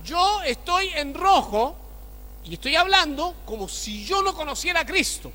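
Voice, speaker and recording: A man's voice: very high-pitched, sing-song, measured pace, bright, forceful tone. A male pastor preaching a sermon, checking in with the congregation through rhetorical questions. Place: church. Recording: church hall with long reverb.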